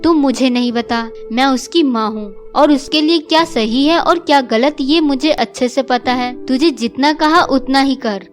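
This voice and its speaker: A woman's voice: high voice, a little slow, hardly any pauses, soft background music. A woman doing a harsh scolding stepmother. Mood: angry, scolding. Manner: sharp, scolding.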